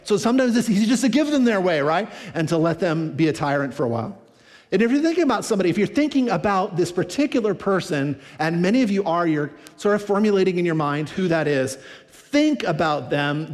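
A male pastor with a high voice preaches to his congregation in a loose, conversational way, often restarting a phrase and acting out quick quotes. A long reverb from the large hall trails after each phrase. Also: a little mellow. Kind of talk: sermon.

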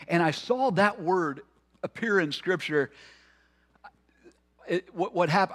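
A man preaching a sermon as a pastor, earnest, restarting phrases and slowing into dramatic pauses on key words. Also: on the high side.

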